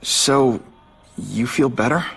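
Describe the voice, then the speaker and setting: A man acting an earnest young American superhero, guilt-ridden but quick to wisecrack, in a naturalistic game performance. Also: medium pitch, creaky, a bit bright, slightly rough, soft background music, full character voice, poor audio. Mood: troubled. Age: young adult.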